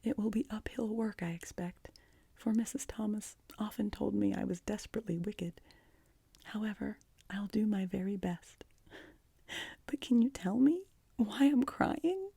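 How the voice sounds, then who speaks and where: A woman voicing an imploring, imaginative orphan girl in an audiobook, earnest, wistful and breathy. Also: low voice, expressive, a little slow, dark tone, no room sound, full character voice. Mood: tearful joy. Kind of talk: audiobook character voice.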